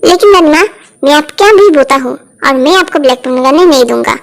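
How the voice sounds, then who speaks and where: A woman's voice: high voice, lively intonation, fast, gravelly. Woman doing a stubborn impatient young grandson. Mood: irritated. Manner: pleading then irritated, stubborn.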